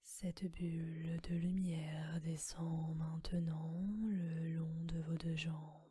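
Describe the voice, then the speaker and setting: A woman guides a relaxation meditation entirely in an unvoiced whisper. Her delivery is very slow and flat, with a breathy, mellow tone. The sound is close and dry. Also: deep voice, no echo.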